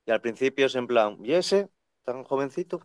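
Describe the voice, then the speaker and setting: A man in his thirties, a second-hand bookseller, chatting on a video call in an animated way, talking in long runs. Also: medium pitch, normal speed, smooth, dry recording, studio quality. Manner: animated, talks in long runs and acts out quoted voices. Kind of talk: casual conversational interview. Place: bookshop with full shelves behind. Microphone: video call webcam.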